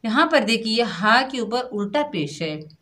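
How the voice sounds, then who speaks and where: Female tutor, very slow, patient step-by-step delivery for children, long drawn-out practice syllables. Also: on the high side, very animated, fairly bright tone. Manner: patient, explains each rule step by step, then draws out drawn-out practice syllables. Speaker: Quran tajweed teacher. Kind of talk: slow children's recitation lesson.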